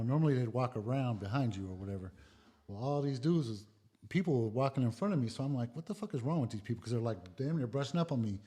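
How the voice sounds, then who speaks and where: A man's voice: medium pitch, mellow. A man, a guest content creator, telling laid-back stories with plenty of swearing in a casual podcast chat.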